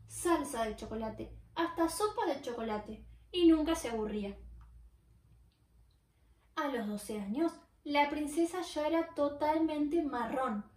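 A woman reading a children's story aloud in a clear, expressive storytelling manner with dramatic pauses. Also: a little high. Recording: roomy, far from the mic.

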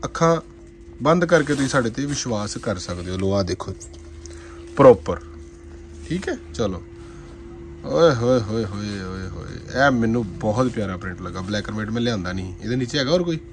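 A man gives informal, effusive shop sales patter, dramatic and full of drawn-out exclamations. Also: fairly low pitch, animated, faint music behind. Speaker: shop seller presenting suit fabrics. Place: indoor fabric shop with tiled floor. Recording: clearly noisy shop-floor phone recording.

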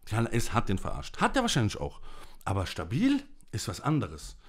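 A man's voice: on the low side, huge pitch swings, normal speed. A man delivering an angry, emotional monologue to camera, ranting in blunt, coarse language. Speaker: vlogger.

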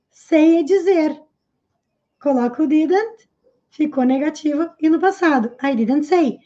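High-voiced woman teaching English. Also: warm tone, lo-fi sound. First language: Portuguese. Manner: explanatory, repeats English phrases slowly. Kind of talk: live English lesson.

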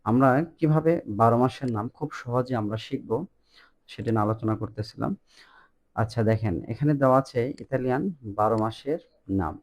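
A man teaching an online language lesson in a loose, informal way, with many fillers and slow repeated words. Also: medium pitch, darkish tone.

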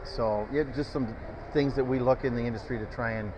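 A man in sales, answering interview questions in a halting way with many fillers, on a lapel mic in an open tent at an outdoor expo. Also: mid-range voice, steady tone. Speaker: sales guest. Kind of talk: casual trade-show interview. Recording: slightly dull, noisy outdoor expo.

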